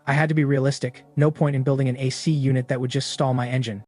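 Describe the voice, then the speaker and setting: A man narrating a story recap in the first person, in a steady, matter-of-fact way. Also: medium pitch, fast.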